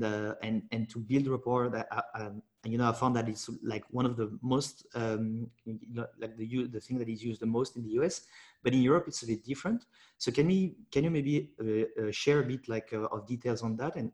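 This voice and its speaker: A man hosting a podcast interview, asking halting questions full of fillers. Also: mid-range voice, fairly even intonation, a little mellow. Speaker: podcast host.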